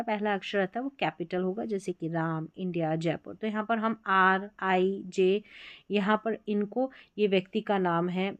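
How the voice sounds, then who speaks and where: A woman with an Indian accent teaches an exam-prep grammar lesson, going step by step and slowly repeating examples. Her voice is medium-pitched, and there's no echo.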